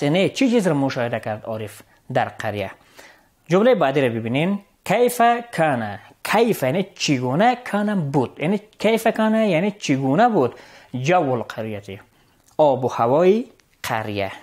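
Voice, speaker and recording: A male Arabic teacher with an Afghan Dari accent gives a recorded lesson. He reads phrases slowly, translates them, and keeps checking in with a rising "right?". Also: a little high, a little mellow.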